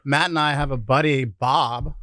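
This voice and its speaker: A man's voice: mid-range voice, steady tone, moderate pace, pushed and bright, no echo, clean studio sound. A man co-hosting a podcast, asking a guest questions in an upbeat, casual way. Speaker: podcast co-host. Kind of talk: casual interview chat. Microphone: studio microphone.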